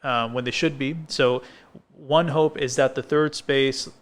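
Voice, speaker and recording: A man's voice: medium pitch, fairly even intonation, measured pace. A man co-hosting a podcast from a coffee shop set, talking casually and rambling, with many fillers and restarts. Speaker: podcast co-host. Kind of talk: casual conversation. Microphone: filmed podcast set.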